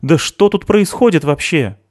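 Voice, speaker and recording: A man's voice: fairly high pitch, lively intonation, moderate pace, dry recording, clean studio sound, pitched above the performer's own voice, close to an everyday voice. A man playing an indignant young woman. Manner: exasperated, loud complaints. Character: indignant young woman, hardworking, easily offended.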